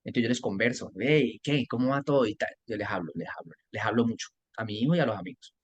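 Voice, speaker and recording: A man's voice: lowish voice, very fast, lo-fi sound. A man in his forties with a Colombian Spanish accent, talking casually on a podcast as a parenting mentor, telling stories with many restarts. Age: 40s. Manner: talkative, animated storytelling with restarts.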